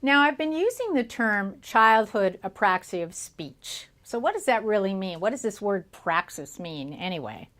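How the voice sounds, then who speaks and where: A woman gives an educational presentation in a medium-pitched voice. She explains terms step by step, as a lecturer would. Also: big pitch swings, normal speed, few pauses, fairly bright tone. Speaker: lecturer on childhood speech disorders.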